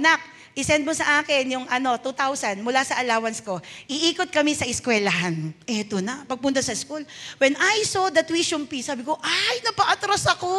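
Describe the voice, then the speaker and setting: A middle-aged woman pastor with a Filipino accent preaches a sermon, moving between Tagalog and English as she tells a personal story and voices the people in it. Her voice sits high and sounds bright and forceful.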